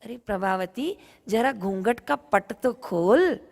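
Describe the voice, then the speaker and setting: A woman voicing a gentle, patient village mother who speaks softly and calmly, in an echoey hall. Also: fairly high pitch, slow, gravelly, full character voice.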